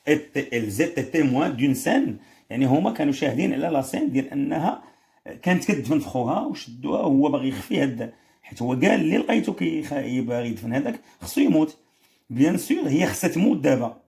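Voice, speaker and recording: A man with a Moroccan accent teaching an exam correction lesson. He switches between slow, careful dictation and quick explaining, and he asks questions and answers them himself. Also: a little high, creaky, dark tone.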